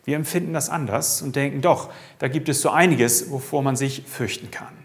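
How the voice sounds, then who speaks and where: A man preaching in a steady mid-range voice. He leans hard on key lines, lifting them, then drops to a hush. It is an earnest sermon delivery. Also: mid-range voice, brisk. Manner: emphatic, swings from raised to hushed.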